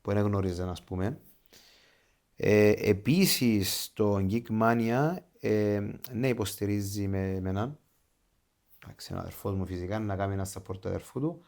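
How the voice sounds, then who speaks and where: With a gravelly, darkish, fairly low voice, this man talks as a guest on an interview. He's a pro wrestler with a Cypriot Greek accent, keeps things casual and lively, and blends English phrases into his Greek.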